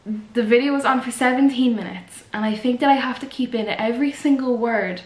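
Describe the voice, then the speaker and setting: Speaking fairly quickly in a higher-than-average voice, this young woman is a vlogger chatting casually to the camera. She gives earnest advice that rambles along with plenty of fillers, recorded in an echoey room.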